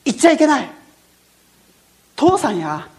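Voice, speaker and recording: A woman telling a Bible-lesson story to children, lively and full of sound effects, speaking to her listeners. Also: high-pitched, unhurried.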